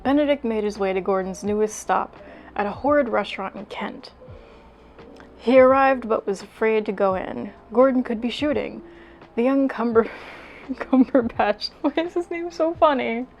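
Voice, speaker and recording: A woman's voice: on the high side, gravelly, low-quality recording. A young adult woman doing a comedic reading of fanfiction, self-deprecating, sweary and exasperated as she reads aloud. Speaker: YouTuber.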